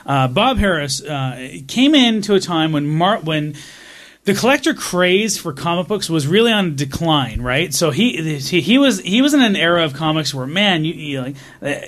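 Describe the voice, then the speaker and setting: A man's voice: on the high side, lively intonation, moderate pace, fairly bright tone. A man co-hosting a casual comics podcast, eagerly explaining with many restarts. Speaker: podcast co-host. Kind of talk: casual chat.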